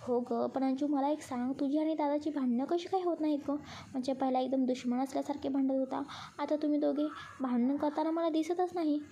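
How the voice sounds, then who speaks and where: A woman's voice: high voice, fairly even intonation, fairly quick, dark tone, muffled recording, slight background noise. A woman voicing a sensitive, easily frightened young woman who scolds and teases in a storybook reading. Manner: reproachful, teasing with her friend.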